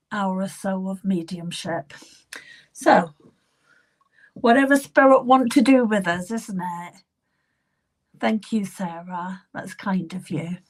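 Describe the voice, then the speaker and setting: A middle-aged psychic medium hosts a live reading session, chatting gently with viewers by name. Her medium-pitched voice is still slightly croaky and sometimes drops to a whisper.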